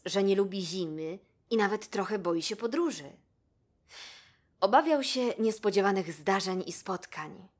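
A woman reading a children's story aloud in a gentle, measured way. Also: fairly low pitch. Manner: gentle, measured, addresses the listener.

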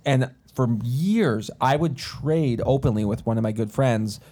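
A man's voice: mid-range voice, a little slow, dark tone. A man hosting a podcast, casually chatting and playfully steering the conversation. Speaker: podcast host. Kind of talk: casual chat. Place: studio.

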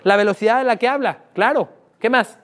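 In an extremely high-pitched, brisk voice, a Mexican-accented sales trainer keeps a live workshop lively by asking the audience questions again and again.

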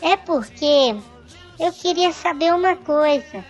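Woman playing a timid little boy, very high whiny voice, slow pleading, comedy sketch. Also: dull audio, soft background music. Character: timid curious little boy asking his parents.

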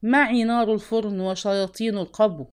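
A woman voicing a drunk, desperate male baker with a gruff, hoarse voice, in an audiobook reading. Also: medium pitch, animated, fast talker, close to an everyday voice. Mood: drunk shouting.

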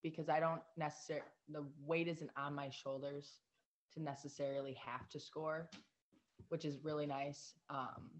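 A teenage girl answering interview questions in a relaxed, chatty way, often using "like" and "um". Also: sits low, normal speed, a little hiss or hum. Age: teens. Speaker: guest, high school basketball player.

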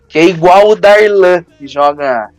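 A young man with a Brazilian accent chats on a podcast, spinning comic stories in loose slang and breaking into laughs. His voice sits high for a man and sounds close and dry. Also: expressive, measured pace, dry recording, soft background music. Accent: Brazilian Portuguese. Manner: joking storyteller, laughs often, heavy slang. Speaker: podcast host. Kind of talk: casual podcast chat.

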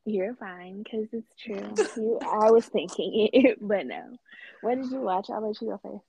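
A woman's voice: mid-range voice, measured pace, gravelly, mellow, a little hiss or hum, poor audio. A woman co-hosting a podcast in casual chat, teasing and giggly, loose and informal. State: tipsy from wine. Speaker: podcast co-host.

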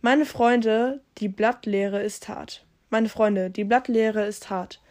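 A woman's voice: mid-range voice, fairly even intonation, slow pace, darkish tone, lightly acted. A woman reading aloud and voicing an old male cat clan leader who earnestly speaks of peace.

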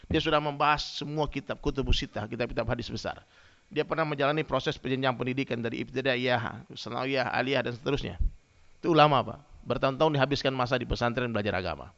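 Male preacher telling stories to his congregation, bright tense tone, gravelly edge. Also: medium pitch, fast talker. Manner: lively storytelling, addresses listeners directly. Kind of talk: humorous sermon with anecdotes. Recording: dull lo-fi sound.

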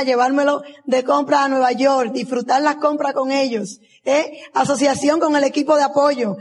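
A woman, giving a motivational testimonial as a convention speaker and acting out the dialogue of her story. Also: sits high.

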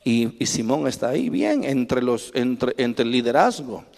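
A male pastor preaching a sermon with forceful emphasis, leading his congregation to repeat words back to him. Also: medium pitch, sing-song, measured pace, gravelly, slight background noise. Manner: emphatic preaching with call-and-response prompts. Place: church. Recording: reverberant church hall.

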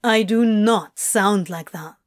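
Woman playing a drowsy, grumbling demon husband, slow drawl. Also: mid-range voice, natural voice.

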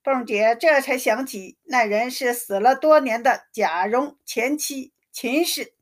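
A woman's voice: high voice, unhurried. Woman narrating a classic novel. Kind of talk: storybook reading of a classic novel.

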